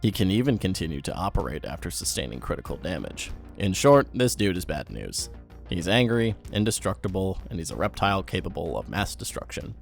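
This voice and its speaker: A man's voice: low voice, very animated, a little fast, gravelly, soft background music. A young man giving wry, sarcastic commentary on horror videos.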